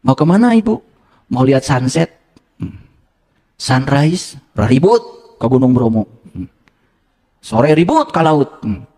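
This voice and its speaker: A man's voice: mid-range voice, sing-song, slow, pauses often, mellow. A man giving an interactive religious lecture, teasing and quizzing his audience. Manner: playful, quizzes and teases the audience, switches into local phrases. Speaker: religious teacher.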